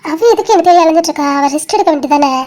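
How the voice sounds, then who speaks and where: A heartbroken young woman in a cartoon voiced by a performer speaks. She talks softly and haltingly through tears and pleads. She stays stubborn about her hurt. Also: high-pitched, close to an everyday voice. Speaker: animated series character. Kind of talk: dramatic cartoon dialogue.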